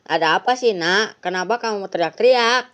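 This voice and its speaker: A woman's voice: medium pitch, normal speed, a bit bright, pitched above the performer's own voice, close to an everyday voice. A woman doing a scolding, fussing mother. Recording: lo-fi, dull sound.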